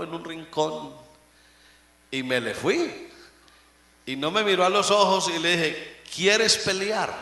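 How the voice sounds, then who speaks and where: A man preaching a sermon as pastor, swinging between loud emphatic lines and hushed asides. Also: high voice, creaky. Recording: echoey room.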